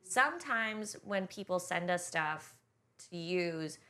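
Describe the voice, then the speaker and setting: A woman's voice: fairly low pitch, lively intonation, slow, bright, forceful tone. A young woman, a stand-up comedian guesting on a podcast, talking casually and candidly, swearing for emphasis. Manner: candid, swears for emphasis, acts out what people say. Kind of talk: casual chat.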